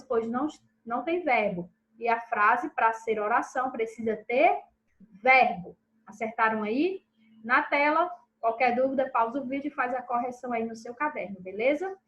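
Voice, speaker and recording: Lady teacher w a high voice going over answers slowly for the class. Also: a bit bright, poor audio. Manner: checks in with pupils after each answer; stresses syllables slowly and clearly. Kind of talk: recorded lesson reviewing exercises.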